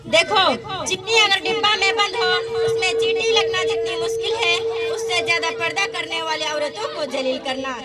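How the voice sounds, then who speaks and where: A woman's voice: very high-pitched, normal speed, few pauses. A woman playing an earnest veiled preacher girl. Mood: lecturing. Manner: earnest, lecturing. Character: devout young woman preaching about veiling. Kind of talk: amateur religious skit. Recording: loud crowd noise behind.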